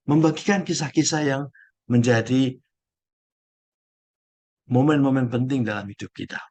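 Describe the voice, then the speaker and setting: Middle-aged male priest, low voice, slow gentle retreat talk. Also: breathy edge. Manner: slow, gentle, searching pauses. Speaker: Jesuit priest. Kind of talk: reflective spiritual talk.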